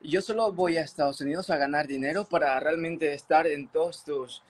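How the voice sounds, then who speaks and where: A man's voice: on the high side, fairly quick, breathy edge. A young man from Ecuador on a video call from an indoor room, eagerly praising a mentorship with lots of fillers. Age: young adult. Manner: eager, admiring, many fillers like "o sea" and "te juro". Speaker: mentorship student.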